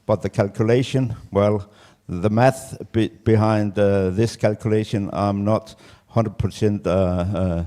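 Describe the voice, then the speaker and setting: Slow, hesitant man presenting. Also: fairly low pitch, fairly even intonation, mellow. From Denmark. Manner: hesitant, many fillers and restarts. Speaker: farmer and conference speaker. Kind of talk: conference presentation. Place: conference room.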